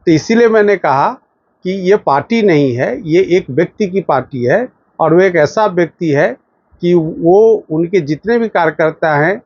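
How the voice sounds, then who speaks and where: Formal, emphatic man, fairly high voice. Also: expressive, unhurried, darkish tone, no room sound, lo-fi sound. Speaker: lawyer giving a statement. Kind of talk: formal political commentary to a news channel.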